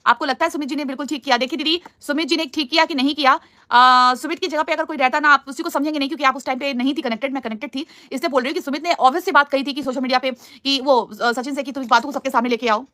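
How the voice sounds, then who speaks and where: Fast-talking high-voiced woman streamer. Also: fairly even intonation, bright, forceful tone, no echo, studio quality. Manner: earnest, pleading, repeats "please" often. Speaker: live-stream host answering viewer comments. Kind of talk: casual live-stream chat.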